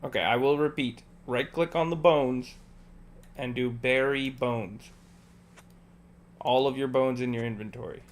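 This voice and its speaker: A man livestreams a game while coaching a friend through it step by step, patiently repeating instructions and joking and laughing between them. His medium-pitched voice stays fairly even and unhurried, with frequent pauses.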